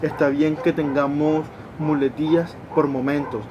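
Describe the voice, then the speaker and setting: Man, student presenter, class talk, restarts and repeats, vehicle rumble behind. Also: level tone, a little slow, lo-fi sound. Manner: repeats words and restarts while explaining.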